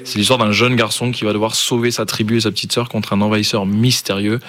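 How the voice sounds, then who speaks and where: A man's voice: lowish voice, flat delivery, fast, a bit bright. A man who grew up in Ghana, a manga artist fluently explaining his work in an interview. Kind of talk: interview answers.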